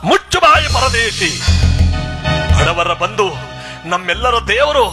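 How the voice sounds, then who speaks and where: A man's voice: extremely high pitch, expressive, takes it slowly, music in the background, heavily acted. A man voicing a kindly, devout old village grandfather who talks earnestly, scolding and then tender. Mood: impassioned.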